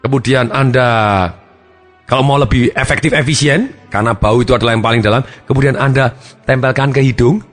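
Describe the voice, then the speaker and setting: A man giving a self-help talk as a therapist, acting out his client's words in animated shifting voices. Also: mid-range voice, brisk, faint music behind. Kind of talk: motivational talk with acted anecdotes.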